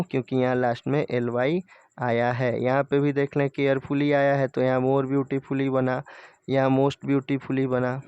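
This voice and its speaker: Guy teaching grammar, smooth clear voice, kinda dull dry recording. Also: medium pitch, darkish tone, no room sound. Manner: patient, repeats key points. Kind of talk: explaining lesson in Hindi.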